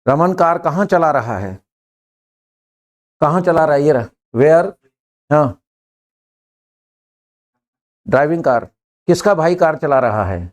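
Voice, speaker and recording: An older man teaching an English class in a classroom, brisk and joking, pushing students to answer quickly. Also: on the high side, a little mellow.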